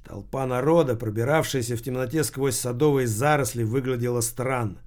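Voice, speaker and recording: Guy narrating an audiobook, steady measured read, medium pitch.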